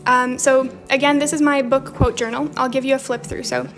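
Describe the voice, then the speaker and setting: This livestream host is a young woman with a light Romanian accent who talks casually while journaling, reading viewers' comments and replying. Her high, level voice moves a little fast. Quiet background music can be heard.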